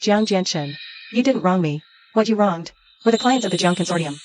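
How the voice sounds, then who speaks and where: A woman's voice: lowish voice, lively intonation, fairly quick, darkish tone, no echo, lightly acted. A woman acting a principled, guarded young mother in a screen drama, speaking with restraint. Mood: firm, cold. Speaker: female lead in a drama.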